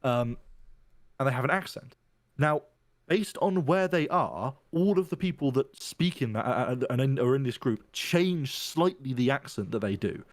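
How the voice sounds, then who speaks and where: A man's voice: mid-range voice, animated, normal speed, dry recording. A man hosting a podcast, explaining his point at length in casual chat and often checking in with "right?". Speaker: podcast host.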